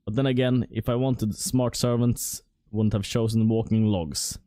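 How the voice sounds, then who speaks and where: A man voicing a scheming old female witch in a higher, mocking tone while reading game dialogue. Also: steady tone, unhurried, mellow, no echo, studio quality, lightly acted. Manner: mocking, sly, theatrical.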